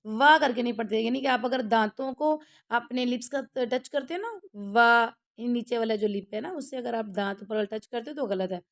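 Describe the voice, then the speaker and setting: A woman's voice: a little high, gravelly. A woman online Quran teacher giving a tajweed lesson, explaining step by step and often checking that students follow, with English words mixed in.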